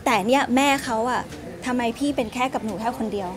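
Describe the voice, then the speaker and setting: A woman's voice: on the high side, fast, a crowd in the background. A woman in her thirties giving an earnest interview, explaining herself at length. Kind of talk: emotional interview.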